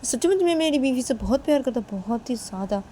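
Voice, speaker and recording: A woman's voice: a little high, normal speed, dark tone, slight background noise, lightly acted. A woman voicing a smug married young woman who taunts the other and keeps asking "haan?". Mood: teasing. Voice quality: taunting, ends lines with "haan?".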